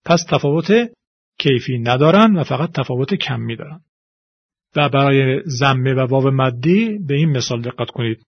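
Husky man slowly teaching pronunciation. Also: mid-range voice, lively intonation, no room sound, dull audio. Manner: slow and deliberate, drawing out example words. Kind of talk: pronunciation lesson.

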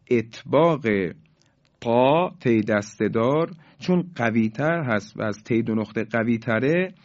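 A man with a lowish, slightly mellow voice teaches tajwid, the rules of Quran recitation, explaining patiently step by step and stretching out the sounds he demonstrates. The recording is slightly dull and lo-fi.

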